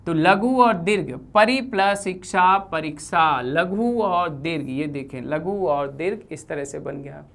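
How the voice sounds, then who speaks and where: Lady teacher walking thru grammar at the board, slow and careful, says each key term twice. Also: medium pitch. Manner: deliberate, repeats key terms while pointing at examples. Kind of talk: classroom explanation at a board.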